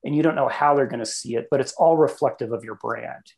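A conference speaker answering audience questions over a video call, talking in an animated, emphatic way. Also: medium pitch, quick pace, gravelly. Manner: animated, emphatic, laughs between points. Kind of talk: casual Q&A answer.

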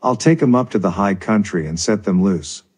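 Man doing a gruff old farmer, few words, low husky voice. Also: moderate pace, darkish tone. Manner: terse, gruff. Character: weathered old male crofter, terse and stubborn.

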